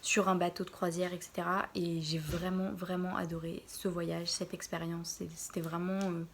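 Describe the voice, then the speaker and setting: A young woman in her early twenties from Normandy, answering Q&A questions in a casual vlog from her bedroom, pausing often to think. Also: fairly low pitch, flat delivery, slight background noise. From France, Normandy. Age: early 20s. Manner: hesitant, pauses often to think. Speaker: vlogger.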